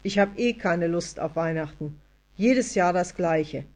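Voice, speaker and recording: A sullen little forest elf from a storybook who grumbles loudly about everything. The voice is pushed low and loud, put on by a woman narrator. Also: measured pace, natural voice. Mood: grumbling.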